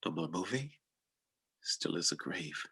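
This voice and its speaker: A man acting a husky, deep-voiced tormented husband. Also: expressive, a little slow, sharp tone, heavily acted. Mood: hushed brooding. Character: tormented, jealous husband and military lord who has killed. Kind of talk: Shakespearean tragedy cold read.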